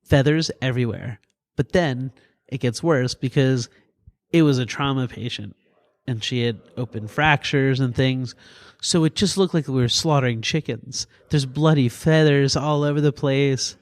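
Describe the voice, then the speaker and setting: A middle-aged man from New Jersey, a paramedic and doctor, telling lively stories in a casual interview and laughing as he talks. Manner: animated, laughs through stories, quick pitch jumps. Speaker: guest, paramedic and EMS physician.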